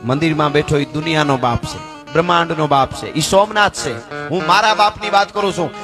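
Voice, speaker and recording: A man's voice: on the high side, a little fast, music in the background, pitched below the performer's own voice, lightly acted. A man voicing a seven-year-old boy who keeps pleading with his mother, earnest and insistent. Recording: live show with instruments playing.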